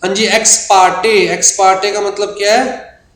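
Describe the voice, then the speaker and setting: A man with an Indian English accent teaching an exam-prep lecture, explaining terms patiently and slowing down when he reads out definitions. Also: high-pitched, little pitch movement, fairly bright tone. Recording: echoey room with faint hiss.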